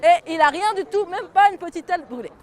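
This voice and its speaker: High-voiced woman telling a tale outdoors. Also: a little fast, a faint crowd. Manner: lively, gets the audience to join in. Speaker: storyteller. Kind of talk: telling a folk tale to children.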